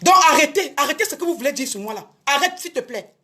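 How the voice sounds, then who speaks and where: A woman with a very high voice defends herself in an indignant live video. She keeps repeating her points and speaks straight to her critics. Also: expressive, quick pace, pushed and bright. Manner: indignant, repetitive, addresses critics directly. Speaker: show business promoter. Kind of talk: Facebook live rant.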